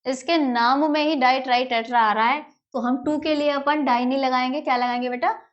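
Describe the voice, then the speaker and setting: Working through a chemistry lesson step by step at the whiteboard, this woman addresses her students affectionately as "beta," repeats important terms, and answers the questions she poses. Her high voice is brisk with fairly even intonation, and the recording's highs are cut off.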